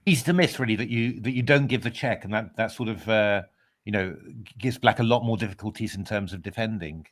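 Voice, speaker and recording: A man's voice: lowish voice, brisk. A man commentating live on a chess game in a casual way, hesitating with lots of fillers and restarts.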